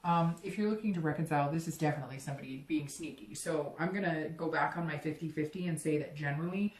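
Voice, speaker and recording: A woman's voice: deep voice, fast talker, roomy sound, recorded from a distance, poor audio. A woman giving a chatty, rambling tarot reading, full of fillers and restarts. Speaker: tarot reader.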